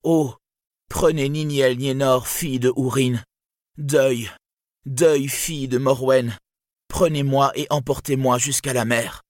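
A man's voice: mid-range voice, fairly even intonation, takes it slowly, dry recording, studio quality, voice pushed up, natural voice. A man voicing a frantic, despairing young woman in an audiobook, crying out in anguish. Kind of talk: audiobook reading.

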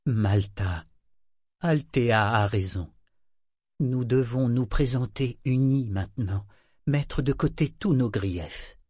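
Grave older matriarch, voiced by a male reader; measured, serious, dry recording. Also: mid-range voice, darkish tone, breathy edge, no room sound. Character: stern older grandmother, family matriarch. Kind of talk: audiobook character reading.

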